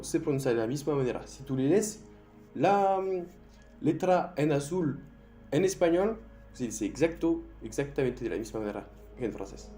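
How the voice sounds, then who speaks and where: Lively French-speaking man teaching pronunciation. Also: fairly high pitch. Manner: slow, drawn-out model pronunciations. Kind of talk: online language lesson. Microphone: no proper microphone.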